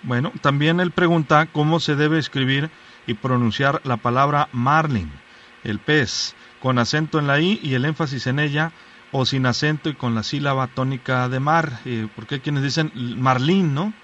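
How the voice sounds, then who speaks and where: A man's voice: mid-range voice, normal speed, fairly bright tone. Easygoing Mexican man hosting radio. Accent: Mexican Spanish. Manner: easygoing, laughs and interjects. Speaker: radio host. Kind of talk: casual radio chat, reading listener questions. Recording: dull radio sound, mic at a distance, faint noise.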